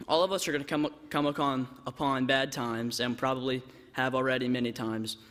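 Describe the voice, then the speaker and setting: A man giving a measured church devotional talk and asking his listeners rhetorical questions. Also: medium pitch, fairly even intonation, a bit bright. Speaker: devotional speaker. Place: church auditorium. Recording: long church hall reverb.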